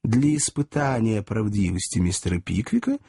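A man narrating classic fiction in an audiobook with expressive, lively storytelling. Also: on the low side, moderate pace, slightly rough, dry recording, studio quality.

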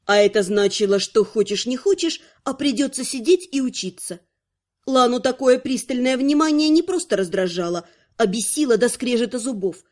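Woman narrator, high voice, audiobook reading, even and measured.

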